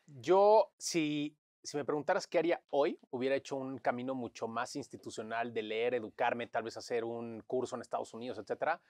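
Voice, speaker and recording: A man, a guest in an interview, telling stories in a lively way and acting out what others said to him. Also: mid-range voice, a little fast, dry recording, studio quality. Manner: animated storyteller, acts out quotes. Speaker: interview guest, crisis management consultant. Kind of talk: conversational interview.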